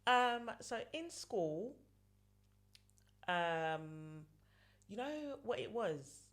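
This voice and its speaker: Speaking extremely slowly at a medium pitch with big swings in intonation, this late-thirties podcast guest from London gives casual, wandering answers. She repeats herself, loops back to earlier points, and leans heavily on fillers.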